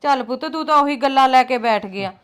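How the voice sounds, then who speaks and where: A woman's voice: sits high, fast, a bit bright, clear, resonant tone. An actress playing a scheming mother who coaxes and scolds her grown son in a short film drama. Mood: coaxing. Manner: coaxing, then scolding. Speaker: actor.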